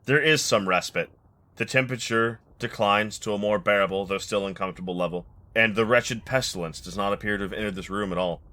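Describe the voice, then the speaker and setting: A man narrating a tabletop game as game master, with ornate, deliberate, dramatic storytelling. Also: lowish voice, pushed and bright.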